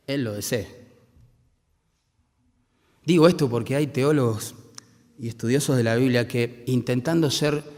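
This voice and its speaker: A man's voice: mid-range voice, a little mellow, in a large hall. A man with a Rioplatense Argentine accent preaching a sermon as pastor, speaking conversationally and asking the congregation rhetorical questions. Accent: Rioplatense Spanish. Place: church hall.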